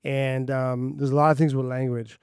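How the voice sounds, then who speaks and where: A man's voice: medium pitch, level tone, moderate pace, darkish tone, smooth, no echo, studio quality. A man co-hosting a casual chat, emphatic and opinionated, a parent of a young child. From Canada. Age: adult parent of a young child. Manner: opinionated, emphatic, spells words out. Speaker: podcast co-host.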